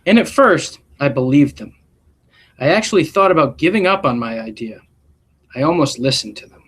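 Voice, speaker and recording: Reading a picture book to schoolchildren in the manner of a principal, this man uses a husky voice on the high side. He tells the story expressively and deliberately, adding brief asides.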